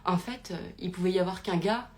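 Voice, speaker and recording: A young female podcast host tells a personal story casually and ramblingly, full of fillers and restarts, recorded live on a phone. Her voice is fairly low and a little fast.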